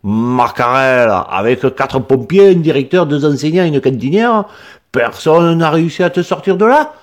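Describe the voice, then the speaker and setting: A man's voice: fairly high pitch, animated, moderate pace, pitched above the performer's own voice, lightly acted. A man voicing a brash, plump farmer from the south of France with a strong southern French accent and a boisterous way of exclaiming.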